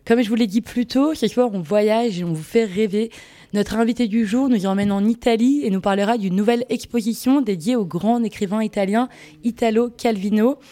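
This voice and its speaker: A woman's voice: a little high, a little fast, mellow. A woman hosting a live radio show, announcing the programme in a friendly, scripted way into a studio microphone. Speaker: radio host.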